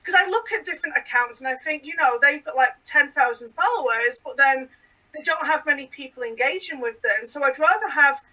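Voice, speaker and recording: A woman's voice: sits high, expressive, fairly quick, sharp tone. A woman from the United Kingdom, a podcast guest and sewing educator, talking casually and filling her sentences with "like". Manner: chatty, full of "like" fillers. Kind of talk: casual chat. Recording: voice a bit distant from the mic.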